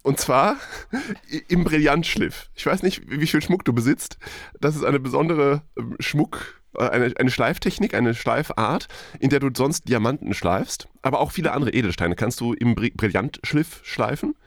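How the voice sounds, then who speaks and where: A man's voice: mid-range voice, lively intonation, moderate pace, no echo, studio quality. A man co-hosting a podcast, telling stories in a casual, conversational way. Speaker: podcast co-host.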